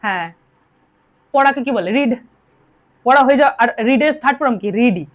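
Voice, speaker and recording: In this classroom lesson, a woman from Bengal drills her class on English grammar and instructs the students to answer aloud. Her voice sits high, sounds expressive, and moves a little fast.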